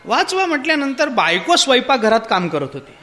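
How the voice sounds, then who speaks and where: High, bright-voiced man preaching. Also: moderate pace. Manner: poses rhetorical questions to the audience; animated storytelling with parable. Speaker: spiritual discourse speaker. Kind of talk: devotional discourse with storytelling.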